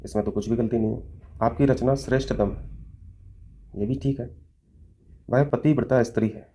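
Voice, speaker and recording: A man's voice: fairly low pitch, dark tone. A man teaching a Hindi grammar lesson, working through mock test questions step by step and often checking in with his students. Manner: explains step by step, often checking with "theek hai" and "hai na". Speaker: exam coaching teacher.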